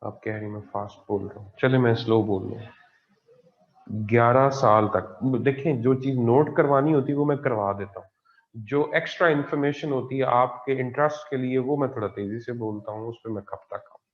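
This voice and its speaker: A man's voice: mid-range voice, fairly quick. Man w/ teaching online class, patient, says stuff over and over, kinda muffled lo-fi sound. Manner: patient, repetitive explaining with frequent "theek hai ji". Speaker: science teacher.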